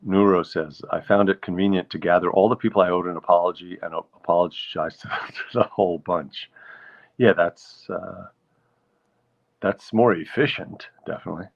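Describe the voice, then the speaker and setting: Low-voiced man musing over viewer comments. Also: fairly even intonation, moderate pace, gravelly. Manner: wry, musing, reads comments aloud. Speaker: livestream host reading viewer comments. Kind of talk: casual chat. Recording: dull lo-fi sound.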